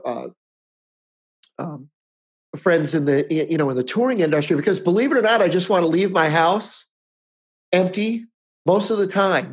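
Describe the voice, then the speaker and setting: Husky and a little high, this man's voice belongs to a podcast co-host in his fifties. In casual chat he rambles, keeps restarting, and chuckles along the way.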